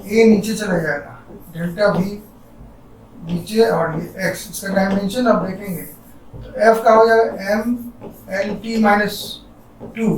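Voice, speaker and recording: A man's voice: high voice, reverberant, recorded from a distance, a little hiss or hum, low-quality recording. A man teaching a physics lecture, working through a problem step by step, thinking aloud and correcting himself. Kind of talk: classroom lecture.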